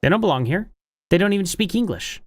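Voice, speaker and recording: A man's voice: sits high, lively intonation, fast, no echo, studio quality. A man pressing a stranger with pointed questions in a casual debate over a video call. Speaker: online troll host.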